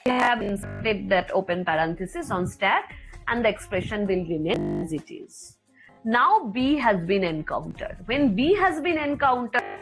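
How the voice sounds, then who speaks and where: A woman with an Indian Bengali accent, a native Bengali speaker, lecturing step by step as a teacher in a deliberate, repetitive way. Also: mid-range voice, sing-song, a bit bright, soft background music, low-quality recording. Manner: deliberate, repetitive explaining, switching languages. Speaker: computer science teacher.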